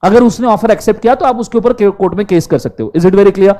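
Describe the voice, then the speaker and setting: In a classroom law lecture, a man with a high-pitched voice talks fast and animatedly. He mixes Hindi and English, often quizzing the class and asking them to answer aloud.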